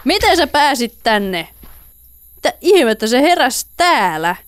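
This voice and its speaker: Playful high-voiced woman gaming. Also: clear, resonant tone, dry recording. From Finland. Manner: playful, chatty, talks to in-game zombies. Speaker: let's play gamer. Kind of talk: casual gameplay commentary.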